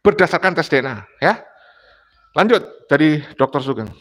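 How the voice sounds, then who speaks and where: An Indonesian man on a discussion panel speaks with emphasis, lecturing and repeating what he's said. His fairly high, fairly bright voice is animated and moves at a moderate pace.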